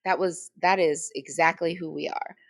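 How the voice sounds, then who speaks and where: A woman's voice: fairly low pitch, steady tone, normal speed, vocal fry. A woman co-hosting a podcast in casual chat, emphatic, with frequent restarts and asides. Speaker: podcast co-host.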